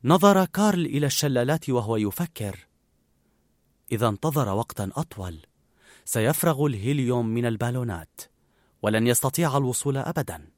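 A man narrating a storybook in an expressive, animated reading. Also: mid-range voice, fairly quick, no room sound, clean studio sound.

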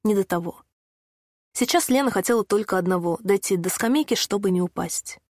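A woman reading a storybook chapter aloud in a measured, even narration. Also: mid-range voice, no room sound, clean studio sound. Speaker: audiobook narrator. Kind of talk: scripted narration.

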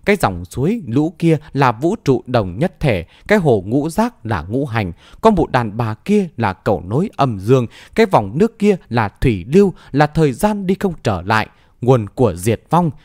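A man reading aloud puts on a shrill old owl queen who shrieks and sneers at everyone around her. The storybook crone swings her pitch high and wide, and the voice sits close and dry with no room around it. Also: big pitch swings, moderate pace, darkish tone, no room sound. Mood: scornful. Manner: shrieking and scornful.

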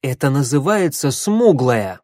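A man voicing a stubborn, hot-tempered peasant girl in an audiobook, shrill and indignant. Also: very animated, a little slow, darkish tone, dry recording, studio quality. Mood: furious. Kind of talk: audiobook character voice.

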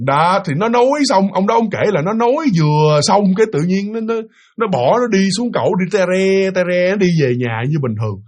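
A man telling a ghost story in casual spoken style, animated and addressing his listeners directly. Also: high voice, brisk.

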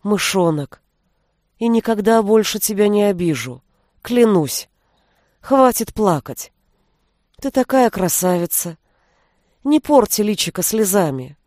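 A woman voicing a gentle, coaxing young male wizard in a storybook reading, with a lowered, soothing voice. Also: expressive, a little slow, long pauses, dry recording, clean studio sound, natural voice. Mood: tender.

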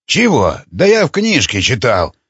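A man's voice: mid-range voice, huge pitch swings, measured pace, fairly bright tone, breathy edge, dry recording, full character voice. A man doing a sneering cynical fighter. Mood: casual. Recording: dull lo-fi recording.

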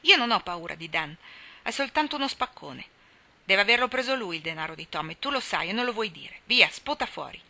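A woman's voice: mid-range voice, very animated, a little fast, gravelly, sharp tone, exaggerated voice. A woman reading the part of a mocking, taunting boy. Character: sneering taunting boy, a bully. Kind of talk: audiobook character reading.

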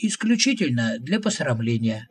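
A man's voice: medium pitch, big pitch swings, moderate pace, husky. A man voicing a stubborn, mocking male prophet who talks in a dismissive, scornful way.

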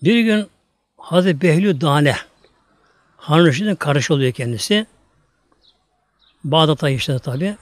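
A man preaching a sermon to his congregation, emphatic, telling stories and drawing out Arabic verses slowly. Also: a little high, animated, no echo. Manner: addresses congregation repeatedly. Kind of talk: sermon with storytelling.

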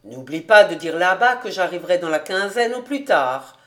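A woman reading an audiobook, voicing a jolly bachelor man who teases loudly and laughs a lot. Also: mid-range voice, expressive, measured pace, close to an everyday voice. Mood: kindly. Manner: boisterous, teasing, laughing.

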